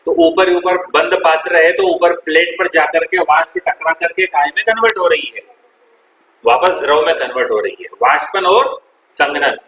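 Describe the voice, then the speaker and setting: A man's voice: fairly high pitch, bright, forceful tone, roomy sound, a little hiss or hum, poor audio. A male chemistry teacher, lecturing a classroom and quizzing the students, repeating their answers and calling them "beta". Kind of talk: classroom lecture with call-and-response.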